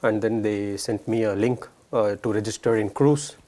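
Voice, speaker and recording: A man's voice: lowish voice, steady tone, moderate pace, dark tone. A young man from south India, a PhD student speaking hesitantly with many fillers in a casual roundtable discussion.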